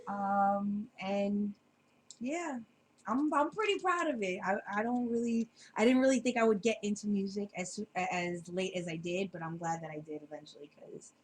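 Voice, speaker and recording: A woman's voice: mid-range voice, normal speed, low-quality recording. A woman co-hosting a homemade podcast, talking in a laid-back, slangy way that trails off. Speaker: podcast co-host. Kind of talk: casual podcast chat. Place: home basement.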